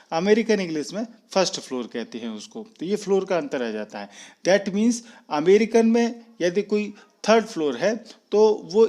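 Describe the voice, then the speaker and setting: A man from India teaching an English lesson in a slow, deliberate way, spelling words out and repeating example words. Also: high-pitched, darkish tone. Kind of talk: explaining lesson.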